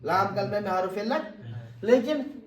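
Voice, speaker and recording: A man's voice: sits high, unhurried. A male grammar teacher giving a classroom lesson and quizzing his student with repeated questions. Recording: echoey room, voice from a distance.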